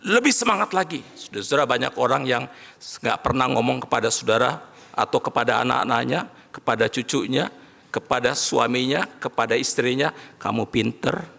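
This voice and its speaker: A man preaching a sermon as pastor, animated, often rising to shouts as he addresses the congregation. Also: medium pitch, fairly quick, vocal fry. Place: large worship hall. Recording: long hall reverb.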